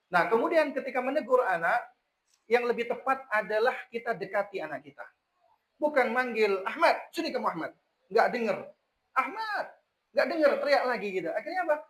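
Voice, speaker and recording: A man with an Indonesian accent giving a religious parenting lecture to a congregation, animated, acting out parents and children. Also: high voice, rough recording. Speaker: Islamic preacher. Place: mosque gathering.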